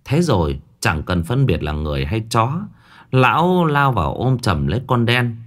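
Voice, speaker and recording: A man narrating a ghost story with dramatic, expressive delivery. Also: medium pitch, moderate pace.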